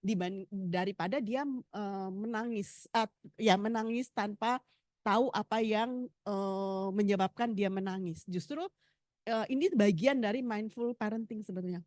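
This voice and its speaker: A woman's voice: mid-range voice, unhurried, a little mellow, no room sound, studio quality. A woman lecturer answering a seminar question, explaining with little acted examples of parent and child. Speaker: speaker, psychology lecturer.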